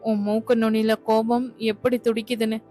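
A woman voicing a playful young husband who teases his wife, in a flat storybook reading. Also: fairly high pitch, a little fast, faint music behind, lightly acted. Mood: teasing. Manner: playful, coaxing. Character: young husband Vetri, teasing and affectionate.

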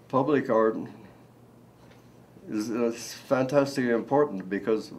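An older man from Nebraska, an artist talking slowly and haltingly with many fillers in a seated indoor interview. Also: medium pitch, slight background noise, rough recording. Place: indoor room.

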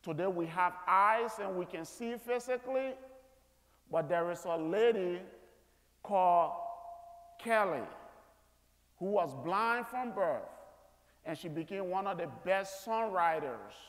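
Preaching a sermon to a school chapel as a guest speaker, a man in his thirties speaks earnestly and deliberately from a large indoor auditorium stage. His voice sits high and a bit bright, and the auditorium gives an echoey sound with long reverb.

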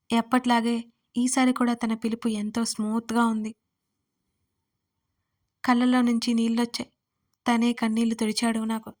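A woman telling a first-person romance story, soft and emotional in her reading. Her voice sits fairly high, but it stays level with very little rise and fall.

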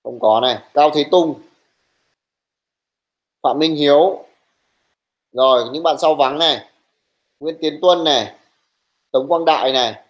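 A young male teacher running an online class, brisk and teasing, who scolds his students bluntly while taking attendance. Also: a little high, low-quality recording.

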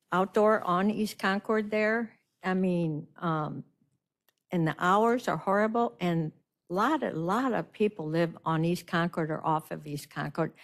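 Indignant older woman at a hearing. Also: fairly low pitch. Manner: indignant, emphatic complaint. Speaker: resident speaking at public hearing. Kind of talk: public comment at a hearing. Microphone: video call.

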